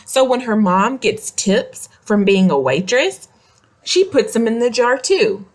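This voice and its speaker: With a voice on the high side and a very animated manner, a woman reads a picture book to young children at a measured pace. Her expressive reading includes simple questions and helpful asides.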